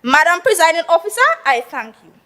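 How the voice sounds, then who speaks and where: A woman with a Tobagonian accent giving a measured, oratorical speech in an assembly chamber, slipping into local dialect for emphasis. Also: extremely high pitch, animated, noisy background. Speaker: youth assembly member. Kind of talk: formal parliamentary speech.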